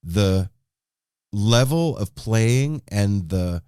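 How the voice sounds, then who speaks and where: A man's voice: on the low side, lively intonation, drawn-out words, warm tone, clean tone, no echo, clean studio sound. A man hosting a podcast, talking earnestly and emphatically, repeating words as he builds toward his point. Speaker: podcast host. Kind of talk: casual podcast conversation.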